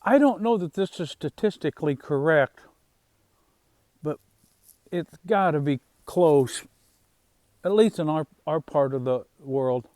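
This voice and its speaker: Easygoing farm vlogger, slightly high. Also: male voice, darkish tone, dry recording. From Northwest Indiana, USA. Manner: unhurried, halting, many fillers and restarts. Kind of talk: casual rambling monologue.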